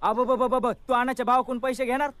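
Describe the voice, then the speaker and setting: A scolding villager, fast, high-pitched delivery. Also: male voice, level tone, fairly bright tone, slight background noise. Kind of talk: film acting.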